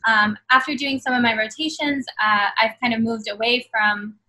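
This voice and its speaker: A young woman in her twenties, born in Bangladesh and raised in New York City, joins a casual video-call interview from a small room at home as a guest; she's a medical student. She sounds bright and a little high, speaking earnestly at a moderate pace with fairly even intonation and lots of fillers and hedges. The webcam recording is rough.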